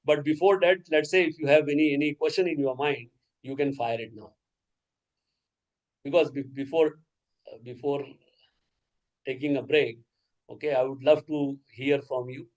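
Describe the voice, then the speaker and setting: Medium in pitch and steady in tone, this man talks at a moderate pace with frequent pauses and a slightly mellow quality, though the highs are cut off. As a workshop resource person whose first language is Urdu, he lectures teachers by video call, explaining and regularly checking in with "okay" and "right?".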